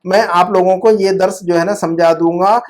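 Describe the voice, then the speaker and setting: A man's voice: high voice, fairly even intonation, moderate pace. A man teaching an Arabic grammar class, asking questions and repeating words for students to echo.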